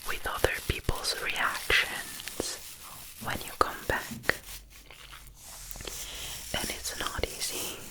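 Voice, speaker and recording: A woman whispering softly and very close into a binaural mic in an ASMR talk, with deliberate pauses. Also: poor audio. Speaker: ASMR creator. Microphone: close binaural microphone, ear to ear.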